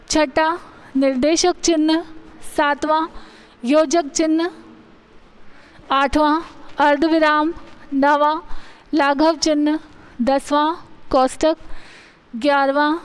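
A woman teacher with an Indian accent gives a grammar lesson in a high voice. She explains step by step and reads her examples out slowly and carefully. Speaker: school teacher.

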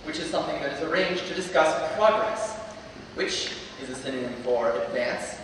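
Here a student graduation speaker in his late teens, earnest with a wry streak, addresses a large auditorium from a lectern. His voice is fairly high and a bit bright at a moderate pace, captured far from the stand mic in an echoey hall with a little hiss or hum.

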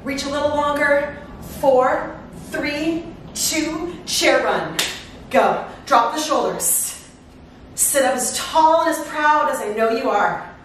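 Echoey, high-pitched woman aerobics instructor. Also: slow. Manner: energetic, encouraging aerobics instructor, exerting while exercising. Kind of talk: upbeat workout coaching with called cues and countdowns. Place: living room at home, indoors. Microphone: far camera. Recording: echoey room, far microphone, faint noise.

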